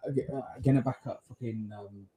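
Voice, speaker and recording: Man, podcast host, mellow tone, blunt swearing banter, roomy echo. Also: medium pitch, fairly even intonation, a little hiss or hum. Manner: blunt, swears freely, quick to laugh. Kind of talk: casual podcast chat. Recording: echoey room.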